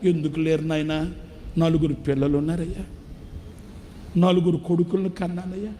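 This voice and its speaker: Guy doing a shaky old man crying n begging for food, mellow low voice. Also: flat delivery, normal speed, a little hiss or hum, lightly acted. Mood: tearful pleading. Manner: weeping, begging, trembling voice. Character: starving elderly retired man, tearful and pleading.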